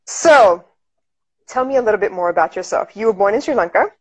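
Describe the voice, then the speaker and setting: Her mid-range voice is husky and expressive, and she talks briskly while hosting a live video chat, eager and casual with plenty of fillers. She's in a small indoor room, filming a phone selfie with a wired earphone mic, and the lo-fi stream audio is slightly dull.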